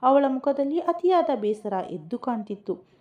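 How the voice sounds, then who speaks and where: A woman narrating a suspense story in the first person, with a steady, dramatic reading. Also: high-pitched, moderate pace. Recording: muffled lo-fi recording.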